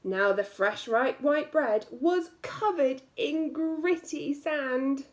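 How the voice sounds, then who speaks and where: Taking her time, a woman with a high voice reads a picture book to young children as their teacher. She draws out key words expressively and adds small asides for the kids.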